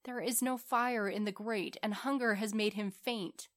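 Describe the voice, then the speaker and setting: A woman's voice: mid-range voice, fairly even intonation, unhurried, fairly bright tone, natural voice. A woman voicing a noble, sorrowful prince statue in a storybook, earnest, imploring and commanding. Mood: pleading, compassionate. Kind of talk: storybook character voice.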